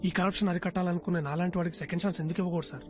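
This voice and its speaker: A man playing a cocky talkative job seeker, high-pitched, glib, pleading, film music behind. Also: steady tone, rapid-fire, natural voice. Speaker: job candidate. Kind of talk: Telugu film dialogue. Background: film score music.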